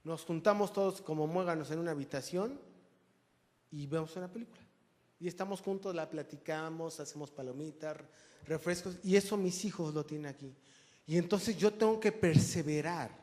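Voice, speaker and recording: A man's voice: a little high, normal speed, a little mellow. A man preaching a conversational sermon, joking with the congregation. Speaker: pastor. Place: church hall. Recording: long church reverb.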